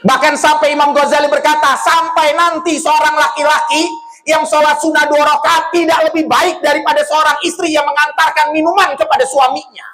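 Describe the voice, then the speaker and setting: A man preaching a sermon, animated and often shouting, joking with his audience and quoting Arabic phrases. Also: very high-pitched, fairly quick, a little hiss or hum, poor audio.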